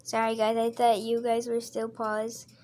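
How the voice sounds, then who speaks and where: A woman's voice: fairly high pitch, completely flat delivery, measured pace, a little mellow. A woman playing a mother in a casual game role-play, chatting and stopping to narrate what her character does.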